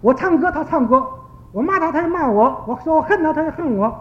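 Man doing a bratty little kid, squeaky high voice, whiny and cross. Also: lively intonation, fast talker, muffled recording, slight background noise. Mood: sulky. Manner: petulant, shouty. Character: small boy, hot-tempered and sulky.

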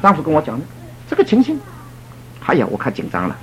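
A middle-aged man, a church elder, telling a story in a sermon in an animated way and acting out the people he quotes. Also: on the high side, fast, faint music behind. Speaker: church elder giving a talk.

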